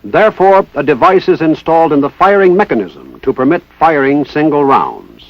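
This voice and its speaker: Formal, methodical instructions come from an American man with a fairly high, very animated voice at normal speed, evoking a 1960s military training film. He enunciates carefully and precisely. The recording is dry and has the dull lo-fi character of a 1960s film soundtrack.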